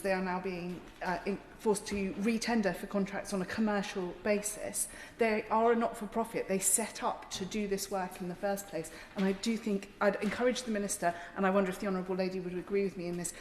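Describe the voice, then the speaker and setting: A woman's voice: mid-range voice, a little mellow. A woman member of parliament making a formal, insistent debate intervention in long run-on sentences in a large chamber. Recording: echoey hall, reverb, noisy ambience.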